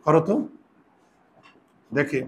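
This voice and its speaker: A man's voice: slow, a bit bright, a little hiss or hum. A man, a grammar teacher, explains pronunciation rules to his class and keeps asking them questions.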